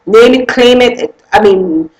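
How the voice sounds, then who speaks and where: With a fairly high pitch, darkish tone, and measured pace, a woman recounts her life in an earnest, emotional testimony over poor audio. It's casual spoken storytelling: loose run-ons, lots of "I mean" and "you know," phrases repeated for emphasis.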